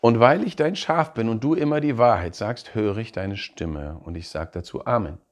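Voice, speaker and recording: Animated preacher man. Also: on the low side, moderate pace. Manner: animated preaching, laughs, acts out quoted voices. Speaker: pastor. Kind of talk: sermon.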